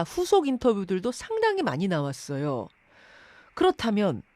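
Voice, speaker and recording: Lively woman radio host, dry studio sound. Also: mid-range voice, no room sound. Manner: articulate, emphatic, rhetorical questions. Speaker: radio news show host. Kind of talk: news interview, presenting and questioning.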